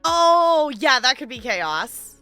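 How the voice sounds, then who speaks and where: A woman hosting a livestream chats casually with viewers and thinks aloud in a rambling way. Her high, sing-song voice is bright, forceful, clear, and resonant, and she takes it slowly over soft background music.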